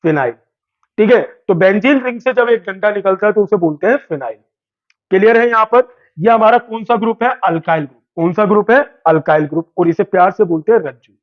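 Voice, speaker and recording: High-voiced man teaching, tinny sound. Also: a little fast. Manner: playful, asks questions and answers them himself. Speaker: chemistry teacher. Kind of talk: classroom lesson at a board. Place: classroom with a board.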